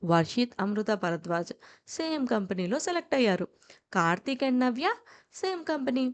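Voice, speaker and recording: A woman narrating an audio story in a steady, even storytelling voice. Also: medium pitch.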